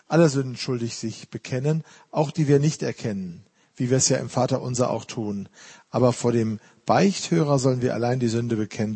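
A man's voice: medium pitch, creaky, warm tone, breathy edge. A man preaching a sermon in an earnest way, mixing plain teaching with casual everyday asides. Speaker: pastor.

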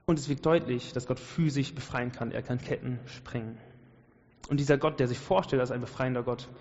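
Passionate preacher in a reverberant hall. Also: male voice, mid-range voice, steady tone, fairly quick, a little mellow. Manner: passionate, colloquial preaching with rising emphasis. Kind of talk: sermon. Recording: dull sound with long hall reverb.

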